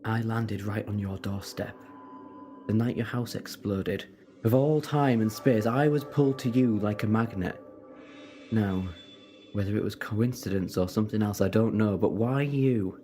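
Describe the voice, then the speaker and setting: A man acting a brooding, self-reproachful time-travelling Doctor in an audio drama, with deliberate, halting, theatrical phrasing. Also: fairly low pitch, fairly even intonation, dark tone, faint music behind, close to an everyday voice. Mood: puzzled, brooding.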